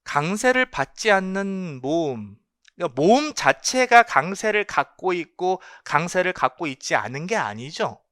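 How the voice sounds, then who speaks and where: Male exam-prep lecturer, high bright voice, emphatic and repetitive. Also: big pitch swings, moderate pace, no echo, studio quality. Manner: emphatic, asks rhetorical questions and repeats key points. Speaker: English linguistics lecturer.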